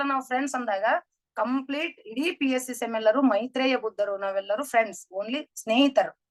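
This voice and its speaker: A woman's voice: fairly high pitch, no echo. A middle-aged woman giving an earnest spiritual talk on meditation, explaining terms and quoting her teacher. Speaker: meditation speaker.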